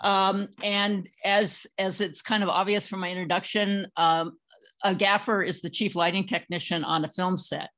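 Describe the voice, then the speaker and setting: A woman's voice: medium pitch, fairly even intonation, fairly bright tone. A woman from California reading her poems over a video call, chatting between poems with many fillers. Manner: unhurried, with filler-laden asides between poems. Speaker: featured poet.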